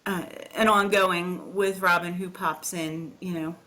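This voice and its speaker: A woman's voice: fairly low pitch, steady tone, unhurried, bright, forceful tone. A woman hosting a casual chat show, telling stories with frequent giggles. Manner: giggly, chatty storyteller. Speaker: host.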